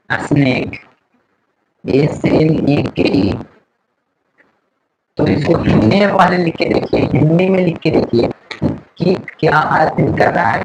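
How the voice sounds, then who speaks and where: A man's voice: a little high, a little hiss or hum, low-quality recording. A man teaching an English grammar lesson, repeating words and letters and asking the class questions. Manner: slow, repeats words and letters aloud, asks questions to students.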